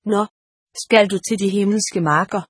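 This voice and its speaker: Woman reader voicing big gruff proctor, barking, impatient, husky edge. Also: mid-range voice, steady tone, dry recording, studio quality, lightly acted. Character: huge gruff male monastery proctor.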